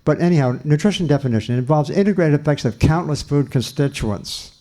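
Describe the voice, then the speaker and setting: Earnest older man lecturing, mellow voice. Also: a little high, a little fast. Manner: earnest, emphatic with repetitions and restarts. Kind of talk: public lecture. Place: church hall.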